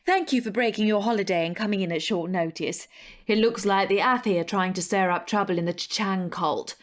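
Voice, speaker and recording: In a sci-fi audio drama, an actress voices the chief of a space spy bureau, brisk and unflappable, formal and dryly authoritative. Her female voice sits in the mid range and sounds close to an everyday voice, with a brisk, grave mood.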